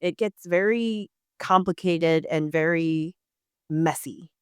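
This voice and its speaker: Smooth-voiced woman chatting animatedly. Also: lowish voice, slow pace, dry recording, clean studio sound. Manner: animated, acts out quoted lines. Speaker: podcast co-host. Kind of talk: casual recap chat.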